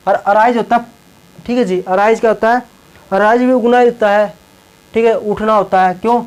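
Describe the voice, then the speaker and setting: Young male teacher with a high voice who repeats key words and keeps checking in with the class. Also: fairly even intonation, moderate pace, smooth, rough recording. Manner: repeats words and tags lines with a check-in phrase. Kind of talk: classroom lesson explaining English verbs in Hindi.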